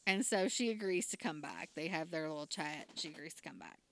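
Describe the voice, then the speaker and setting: A woman's voice: sits low, lively intonation, brisk, a bit bright. A woman, casually recapping a TV drama episode and laughing often. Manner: chatty, laughs often, acts out quotes. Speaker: podcast co-host recapping a TV drama. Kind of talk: casual chat.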